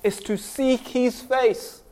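A man's voice: very high-pitched, steady tone, slow, darkish tone. A young man from Kenya preaching a sermon earnestly, often repeating phrases for emphasis. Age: young adult.

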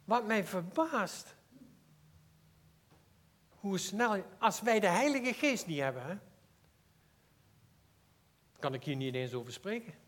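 A man with a high-pitched voice preaches a sermon in a Limburg Dutch accent. He talks earnestly and personally, shifting from loud emphatic stretches to quiet, intimate asides. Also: sing-song, takes it slowly, long pauses.

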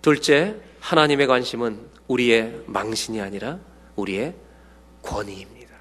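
A man preaching a sermon, acting out dialogue with sudden loud bursts to his congregation. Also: mid-range voice, normal speed. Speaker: pastor. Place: church sanctuary. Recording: long hall reverb.

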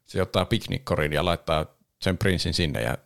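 A man with a low voice and a gravelly edge talks through a film in a relaxed podcast chat. He laughs easily and sometimes slips into quick imitations of characters. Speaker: podcast host. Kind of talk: casual chat reviewing a film.

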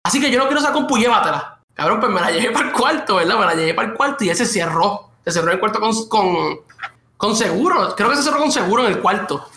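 A man telling a story casually, animated and full of swearing. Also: high-pitched, fast talker. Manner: animated, swearing, laughing narration. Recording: echoey room.

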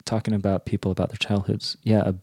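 A man talking as a guest in an interview, animated and quick, speaking in bursts. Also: fairly low pitch, slightly rough, dry recording. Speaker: guest artist. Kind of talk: conversational interview.

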